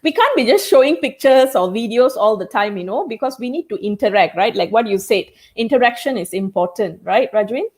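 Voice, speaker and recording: A communication trainer whose first language is Tamil explains tips in a live online chat, scattering "all right?" and "okay?" throughout. Her voice is fairly high and a little mellow, with lively intonation and a brisk delivery that hardly pauses.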